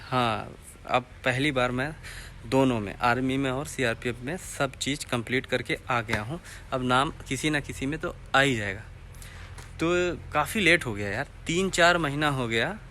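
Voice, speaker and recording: A young man with an eastern Uttar Pradesh Hindi accent tells a rambling personal story straight to his viewers, circling back and repeating himself. His voice is bright and forward at an ordinary pitch. A faint hiss of room noise sits under him. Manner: rambling, repeats phrases, asks viewers to comment. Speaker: vlogger telling his recruitment story. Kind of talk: casual storytelling to camera.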